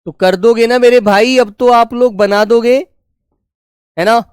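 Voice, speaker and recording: A man's voice: very high-pitched, fairly even intonation, a little slow, smooth, dry recording, studio quality. A man teaching an online Hindi grammar lesson, affectionate and repetitive, keeps asking his students questions and answering them himself.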